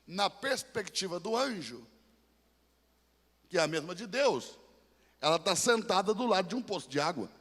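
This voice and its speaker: High, bright-voiced preacher in a reverberant hall. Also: male voice, very animated, moderate pace, long pauses, husky. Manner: dramatic preaching, swings from hushed asides to shouted climaxes. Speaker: pastor. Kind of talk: impassioned sermon. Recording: long church-hall reverb.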